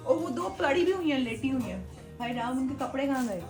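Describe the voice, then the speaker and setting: High, lively-voiced mom coaxing her kids. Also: brisk, over music. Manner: coaxing, doting talk to small children, mixing in English. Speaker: vlog host and mother. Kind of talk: casual home vlog. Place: home indoors.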